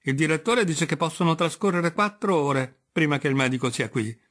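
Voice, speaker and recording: A man reading a literary novel aloud as an audiobook, a first-person monologue he voices with dramatic swings between raised cries and hushed murmurs. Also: a little high, animated, moderate pace. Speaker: audiobook reader.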